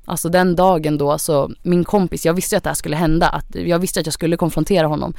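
A young woman with a low, gravelly voice recounts her own story as a podcast guest. Her talk is chatty and loose, packed with fillers. The studio sound is close and dry. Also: steady tone, darkish tone, dry recording. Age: young adult. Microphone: studio microphone.

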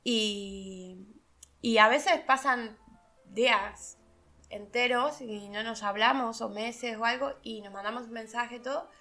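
A woman's voice: fairly high pitch, slow pace, bright, forceful tone, soft background music. A middle-aged woman, talking casually as a podcast host, laughing and acting out the voices of people she quotes. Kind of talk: casual reflective monologue.

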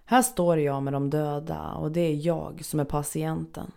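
A woman reading a first-person story aloud in a measured, unhurried, somber manner. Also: low voice, little pitch movement, gravelly, a little mellow. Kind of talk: first-person scripted narration.

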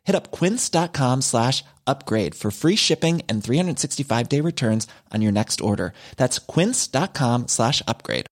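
A man's voice: medium pitch, lively intonation, moderate pace, few pauses. A man, a podcast host, reading a scripted advertisement.

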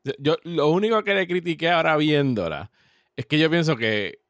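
A man's voice: on the high side, expressive, normal speed, a bit bright, dry recording, clean studio sound. Opinionated man in casual film chat. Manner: opinionated, laughs easily. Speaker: podcast co-host.

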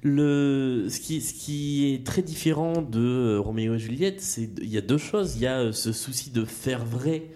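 A man from southern France hosts a relaxed podcast conversation. His voice is mellow and dark and sits at an ordinary pitch. He pauses often and fills gaps with "euh" as he thinks aloud. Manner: hesitant, many fillers. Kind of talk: casual podcast chat.

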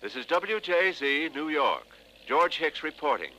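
A man's voice: fairly high pitch, sing-song, measured pace, bright, forceful tone, slight background noise. A man reporting a news bulletin as a radio reporter, heard through a distant old AM radio broadcast. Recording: faint archival broadcast from far off.

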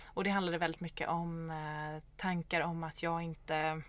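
A woman's voice: low voice, little pitch movement. A woman co-hosting a podcast, talking reflectively and hesitantly with many fillers. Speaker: podcast co-host. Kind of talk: casual chat.

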